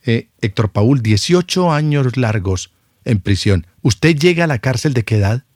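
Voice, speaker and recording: A man's voice: medium pitch, lively intonation, measured pace, a little mellow, no room sound. Formal male interviewer, dry sound. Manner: formal, probing, restates points. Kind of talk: interview questions.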